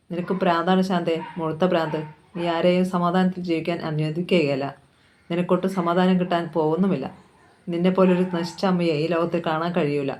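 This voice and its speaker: A woman voicing a furious older aunt who scolds her sister-in-law in a loud, accusing outburst. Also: lowish voice, a little hiss or hum, natural voice.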